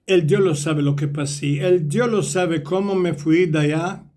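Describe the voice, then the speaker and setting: Brief: man voicing a worn-down storybook horse, Ladino accent, higher voice, mournful and repetitive. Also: unhurried, a little mellow, lightly acted. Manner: mournful, repeating itself. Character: weary overworked old horse, male.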